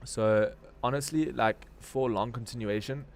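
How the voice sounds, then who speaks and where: There's a creaky, slightly mellow quality to this unhurried mid-range voice, heard over slight background noise. A South African man from Durban, he hosts a crypto trading livestream and talks the market through casually, using slang as he thinks aloud.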